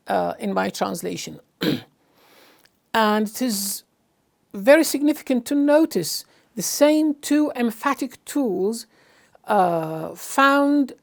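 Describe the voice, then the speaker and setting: A woman with a somewhat high voice gives a Qur'anic translation lesson. She explains slowly and carefully, often pausing on fillers and restarting phrases. She recites Arabic verses between her explanations. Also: a little mellow.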